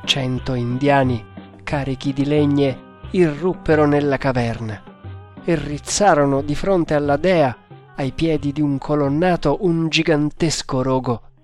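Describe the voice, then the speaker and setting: A male narrator reading an adventure novel aloud with measured, dramatic delivery. His voice sits a little higher than most men's. Faint music plays under the reading. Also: a little mellow. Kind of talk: audiobook reading.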